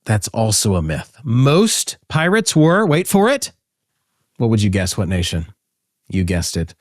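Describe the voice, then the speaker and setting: A man hosting a casual educational talk, animated and joking, with frequent fillers. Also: on the low side, measured pace, no echo, studio quality. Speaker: host.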